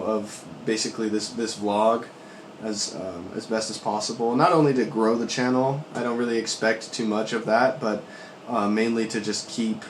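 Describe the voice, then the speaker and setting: A low-voiced man records a casual dream-journal vlog, his voice worn out from a recent illness. He recounts his dreams in a rambling, reflective way with some swearing. The room gives his voice a clear echo, with faint noise underneath. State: voice worn out from recovering from sickness. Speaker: vlogger.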